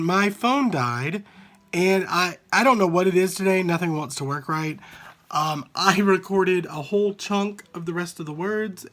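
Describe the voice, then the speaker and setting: Higher-voiced Southern US man, chatting casually. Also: a bit bright. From Southern United States. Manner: repeats single words slowly to demonstrate pronunciation, rambling. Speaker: vlogger answering an accent challenge. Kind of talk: casual, unscripted chat to a phone camera. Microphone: handheld phone at arm's length.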